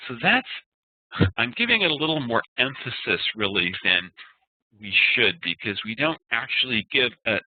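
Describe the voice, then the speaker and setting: A man's voice: mid-range voice, very animated, moderate pace, no room sound. A man teaching a Sanskrit class over a web meeting, patiently explaining pronunciation and chanting verses. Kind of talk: online class lecture. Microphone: web conferencing call. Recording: tinny phone-like web meeting audio.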